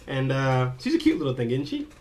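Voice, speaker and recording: A man's voice: medium pitch, huge pitch swings, a little fast, a little mellow. A young man talking casually to the camera in a personal vlog, rambling, restarting sentences and joking with himself. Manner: rambling, self-interrupting, jokey. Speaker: vlogger.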